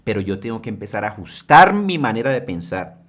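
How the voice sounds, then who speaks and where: A man's voice: fairly low pitch, big pitch swings, brisk, a bit bright. A male preacher delivering a sermon, emphatic, full of rhetorical questions and frequent checks with the listeners.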